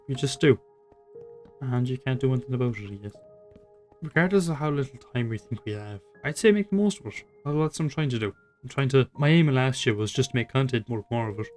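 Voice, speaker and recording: A nineteen-year-old man rambling reflectively over gameplay, self-deprecating and swearing casually, his voice trailing off quietly. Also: mid-range voice. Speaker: gaming YouTuber.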